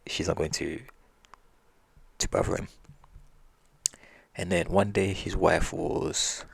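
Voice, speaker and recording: Laid-back male storyteller, low and gravelly, husky voice. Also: takes it slowly, no room sound. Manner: relaxed, with restarts. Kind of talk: casual folk-tale storytelling.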